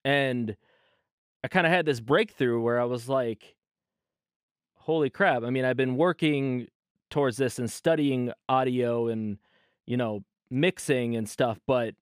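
A man in his thirties hosts a casual solo podcast from his bedroom, speaking in a loose, rambling way and often correcting himself. His voice is medium-pitched and smooth, and the audio is clean, studio-like, with no room sound.

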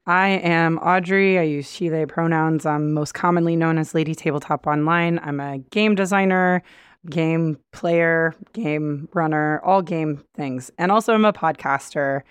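Woman, hoarse worn-out voice, raspy, casual podcast chat, dry recording. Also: deep voice, a little slow, no echo. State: hoarse, nearly lost voice after a convention. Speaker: podcast guest, game designer.

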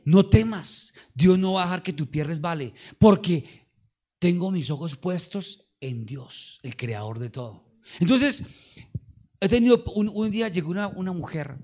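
A middle-aged man with a Colombian Spanish accent, a pastor preaching a sermon with lively storytelling and call-and-response. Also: on the high side.

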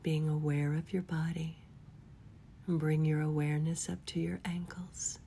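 A woman leading a guided relaxation in a soft, soothing whisper, gently giving unhurried instructions. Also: sits low, flat delivery, vocal fry, slight background noise. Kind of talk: whispered guided body-scan meditation.

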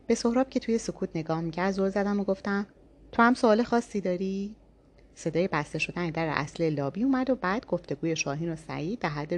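راوی زن با صدای نسبتاً بم. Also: female voice, fairly low pitch. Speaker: narrator. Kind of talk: first-person audiobook narration.

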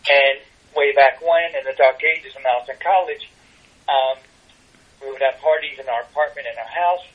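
An older man chats casually as a guest, pausing often with ums and starting his sentences over. His voice is husky with a breathy edge. It comes through a muffled, dull phone connection. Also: mid-range voice. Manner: hesitant, many ums and restarts. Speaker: tarot reader guest. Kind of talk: casual interview chat.

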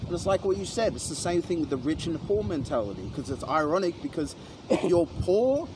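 Australian man, slightly high voice, laid-back casual talker, traffic behind. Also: a little fast. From Western Sydney, Australia. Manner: relaxed, casual swearing, frequent "you know what I mean". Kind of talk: casual chat. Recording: outdoor traffic noise.

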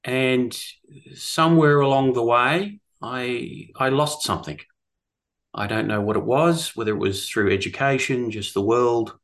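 A man's voice: medium pitch, measured pace, a bit bright. A middle-aged man with an Australian accent, telling his story reflectively in a hesitant, thoughtful way. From rural Australia. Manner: hesitant, thoughtful phrasing with repeated words. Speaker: guest, course teacher. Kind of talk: reflective personal storytelling in conversation.

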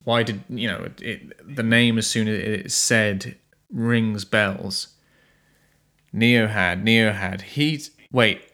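A man narrating an improvised tabletop game as game master, halting as he searches for words. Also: on the low side, pushed and bright.

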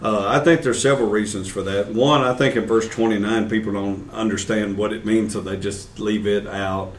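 A man's voice: fairly low pitch, fairly even intonation, normal speed, echoey room, recorded from a distance, slight background noise. A man hosting a casual church discussion show, talking loosely with restarts and fillers. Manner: conversational, with frequent restarts and fillers. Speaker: host. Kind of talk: casual church podcast chat.

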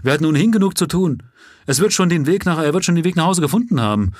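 A man reading aloud puts on an excitable police constable, indignant and blustering. His voice rides high and gets loud in bursts. A husky edge stays on it throughout. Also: racing, no room sound, clean studio sound. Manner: agitated, raised and indignant.

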